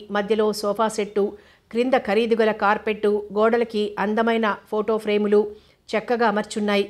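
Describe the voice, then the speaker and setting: A woman narrating an audiobook novel in a steady, unhurried reading. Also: medium pitch.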